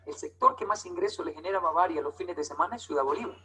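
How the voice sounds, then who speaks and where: Bogotá guy with a bogotá accent telling stories at a talk, high bright voice, ironic. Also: rapid-fire, a little hiss or hum, low-quality recording. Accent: Bogotá Colombian Spanish. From Bogotá, Colombia. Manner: animated, ironic storyteller acting out dialogue. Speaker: speaker giving a talk. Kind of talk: storytelling talk to an audience.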